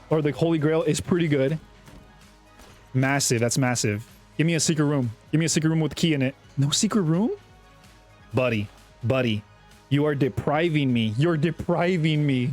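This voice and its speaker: A young man giving casual, chatty commentary over his own gameplay, often repeating himself and getting excited. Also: a little high, fairly quick, soft background music. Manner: chatty, self-talking, repeats words, excitable. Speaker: gaming YouTuber.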